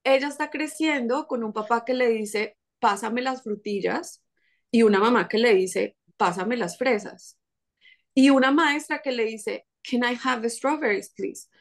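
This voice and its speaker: A Colombian woman in her thirties, speaking Colombian-accented Spanish in a voice on the high side, appears as a podcast guest. She tells stories in lively, casual chat, often restarting and laughing.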